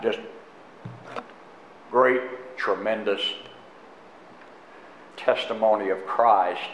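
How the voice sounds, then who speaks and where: An older man speaking as a pastor in a church, halting and full of fillers and restarts. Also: deep voice, a little hiss or hum. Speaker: pastor introducing a guest teacher. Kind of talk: unscripted church announcements and sermon. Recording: echoey, muffled live church stream.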